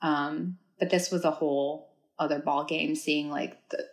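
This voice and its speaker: A woman's voice: sits low, steady tone, measured pace. A young woman from Uzbekistan chatting casually as a podcast guest, filling her talk with likes and ums. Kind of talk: casual chat.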